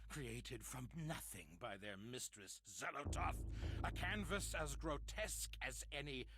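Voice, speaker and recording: Male actor as a deranged horror-story madman, theatrical and archaic, slow and swooping in pitch. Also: expressive, noisy background, close to an everyday voice. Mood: raving. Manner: lurches between hoarse whispers and manic shouts; theatrical, archaic turns of phrase. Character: deranged male survivor raving about monsters. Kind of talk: dramatic horror monologue.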